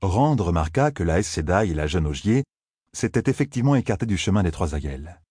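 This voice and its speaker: A man narrating an audiobook in a steady, measured reading voice. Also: deep voice, husky, no room sound, studio quality.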